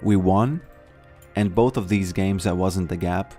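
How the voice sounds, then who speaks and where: A man chats through a live game stream in a low, deep voice. He talks haltingly, repeating words and leaning on fillers. Faint music plays behind him. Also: mellow. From Latvia. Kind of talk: casual live-stream chat.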